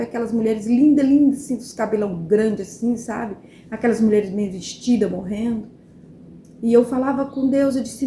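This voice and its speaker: A Brazilian woman telling of a religious vision in an emotional, halting way, repeating her words and appealing to her listeners. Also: on the high side, mellow. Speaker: evangelical testimony speaker. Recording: roomy echo, faint background noise.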